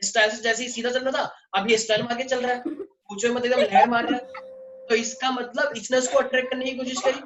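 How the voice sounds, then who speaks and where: Teaching physics online, this man talks fast with a very high voice and a steady tone, mixing Hindi with English and firing questions at students nonstop. His online class mic sounds muffled, with a little faint noise.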